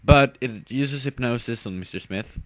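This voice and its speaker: A man's voice: mid-range voice, normal speed, a bit bright, dry recording. A tired young man casually commenting on his own game battle, rambling with fillers and giggling at himself. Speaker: gamer narrating his battle.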